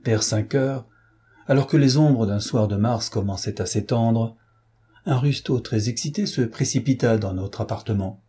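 A man narrating a story as an audiobook reader, with steady, measured storytelling. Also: mid-range voice, breathy edge. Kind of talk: scripted narration.

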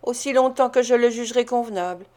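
A woman's voice: fairly high pitch, fast talker, dark tone, lightly acted. A woman reading an audiobook, voicing a pompous, self-important man who plays the domineering husband in a blustering, lordly way. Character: pompous self-important male parish beadle.

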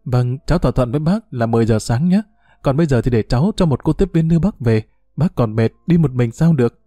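A man's voice: mid-range voice, animated, quick pace, mellow, no room sound, clean studio sound, soft background music, lightly acted. A man voicing a kind, forgiving young woman who talks politely and earnestly to an older man.

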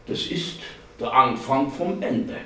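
A sarcastic, exasperated office researcher in a reading of a novel, as a man puts him on, pitched well above the reader's own voice, his words edging toward a crack. It is heard from a distance in an echoey hall, with faint noise behind. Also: lively intonation, slow, a bit bright. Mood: mocking.

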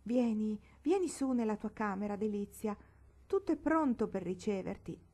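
A woman's voice: medium pitch, animated, moderate pace, dark tone. A woman reading an audiobook, voicing an unhinged, grieving older noblewoman who pleads with feverish tenderness. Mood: tender.

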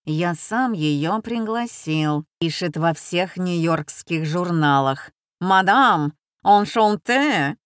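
A woman's voice: lowish voice, animated, slow, no room sound, clean studio sound. A woman voicing a bustling, self-satisfied young man in an audiobook. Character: fussy young man, society busybody. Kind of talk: audiobook character voice.

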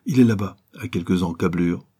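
A man voicing an eager, chatty harbor local with a pipe, speaking high and lively over his own husky voice. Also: fairly quick. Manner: eager, pitched up.

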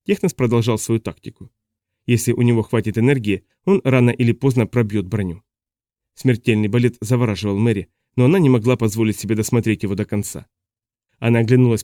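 A man reading a science fiction audiobook as narrator in a steady, even storytelling manner. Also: on the low side, dry recording, clean studio sound. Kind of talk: scripted narration.

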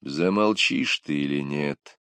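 A man doing a gruff terse warrior. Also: a bass voice, slow, fairly bright tone, no echo, exaggerated voice. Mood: irritated. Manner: curt, grumbling, few words. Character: gruff terse male warrior, weary and taciturn.

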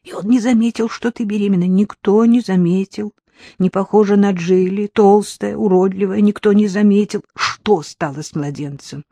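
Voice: medium pitch, normal speed, dark tone, no echo, natural voice. An audiobook reader voicing a distraught adult sister who presses with urgent, pleading questions. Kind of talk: audiobook reading.

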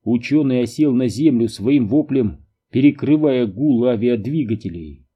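A man narrating an audiobook in an even, measured reading. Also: mid-range voice, slightly rough, muffled recording.

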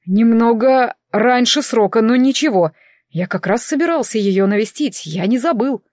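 A woman reading a gentle male elf. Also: a little high, expressive, moderate pace, no echo, studio quality, close to an everyday voice. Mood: tender. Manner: soft, reassuring.

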